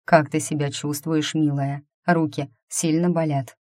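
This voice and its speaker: A woman reading a gentle, loving father. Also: deep voice, flat delivery, measured pace, no room sound, clean studio sound. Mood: soothing. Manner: gentle, soothing, warm-humored. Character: loving middle-aged father, gentle and tired.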